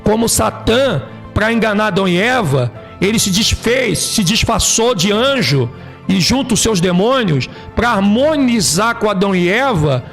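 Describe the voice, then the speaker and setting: Man from Brazil, high-pitched, gravelly fry, preachy monologue, emphatic rhetorical questions. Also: big pitch swings, fairly bright tone, faint music behind. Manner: emphatic, with rhetorical questions and slow passages read from a book. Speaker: video host. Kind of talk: preachy religious commentary monologue.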